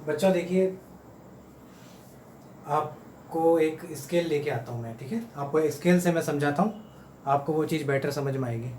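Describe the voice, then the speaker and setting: Man, math teacher, patient, slow repetition, slightly high voice, off-mic, faint background hum. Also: darkish tone, echoey room, recorded from a distance, rough recording. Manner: patient, repeats numbers slowly. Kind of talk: home math lesson for kids. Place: room at home.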